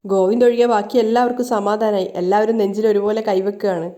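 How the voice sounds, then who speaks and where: A woman narrating a recap of a TV serial in a lively storytelling way, adding dramatic asides. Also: mid-range voice, fast talker.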